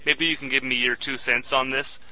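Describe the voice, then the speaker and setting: A man's voice: mid-range voice, little pitch movement, fairly quick, pushed and bright, slight background noise, low-quality recording. A man hosting a casual gaming podcast, talking with frequent fillers and small chuckles between points.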